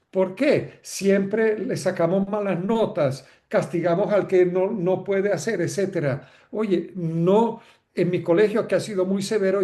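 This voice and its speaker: Man, fairly high voice, webinar lecturer, chatty, asks rhetorical questions. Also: mellow. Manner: conversational lecturing, rhetorical questions, frequent "ok?" checks. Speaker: webinar speaker on educational leadership. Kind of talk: online lecture.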